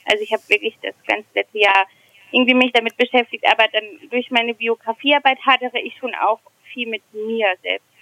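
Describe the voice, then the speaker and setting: A woman's voice: a little high, steady tone, a little fast, gravelly, bright, forceful tone, no echo, poor audio. Hesitant, reflective woman in her thirties. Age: 30s. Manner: hesitant, many fillers, reflective. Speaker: podcast guest. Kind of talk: candid personal conversation.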